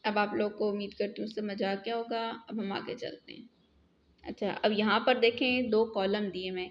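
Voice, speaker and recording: A woman's voice: on the high side, a bit bright. A woman teaching a math lesson, explaining step by step and asking questions as she goes. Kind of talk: classroom lesson. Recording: dull lo-fi sound.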